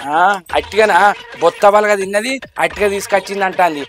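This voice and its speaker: A man's voice: high-pitched, fast, fairly bright tone. A man, grumbling and scolding in a village comedy sketch. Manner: grumbling, scolding, repeats his complaints. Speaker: comic actor.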